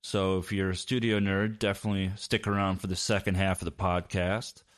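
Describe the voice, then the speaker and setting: A podcast host with a low-pitched voice talks briskly while interviewing a guest. He's relaxed, loose and chatty, using plenty of fillers in this casual conversation.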